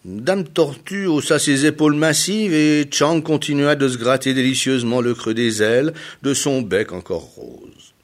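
A man reading a children's fable aloud in slow, expressive storybook narration. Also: medium pitch.

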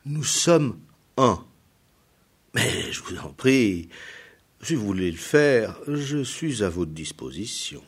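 A man voicing a calm, fearless young hero in a read-aloud tale, speaking softly and evenly. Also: lowish voice, slow pace, pauses often, slightly rough, exaggerated voice. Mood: serene.

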